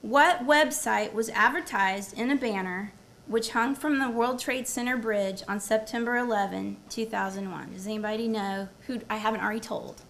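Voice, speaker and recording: Woman, university professor, symposium talk, quizzes the audience, somewhat high voice, gravelly, lecture room, faint background hiss. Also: normal speed, fairly bright tone. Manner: engaging, quizzes the audience and repeats their answers. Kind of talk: academic presentation with audience quiz.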